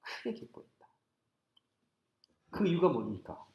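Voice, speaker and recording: A man with a high, strongly rising and falling voice preaches in an echoey hall. He acts out scenes, suddenly raising his voice with lively energy, and reads scripture slowly and deliberately. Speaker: pastor. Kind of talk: sermon.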